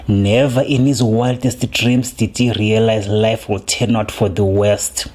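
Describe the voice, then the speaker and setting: A man with a lowish voice reads a news feature voice-over. His delivery is measured and even, paced like a scripted report.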